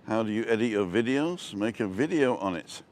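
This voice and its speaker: A deep-voiced British man, born in England and having lived in Wales and abroad, chats while walking along a seaside promenade during a live walking tour, answering viewer comments. As a travel vlogger and livestream host, he's animated, rambling and jokey, with a moderate pace and slightly mellow tone, against noisy street and seafront ambience.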